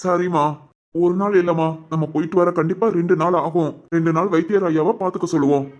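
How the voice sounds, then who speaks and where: A man playing a concerned village husband who speaks in a calm, matter-of-fact way. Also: a little high, fast talker, lightly acted.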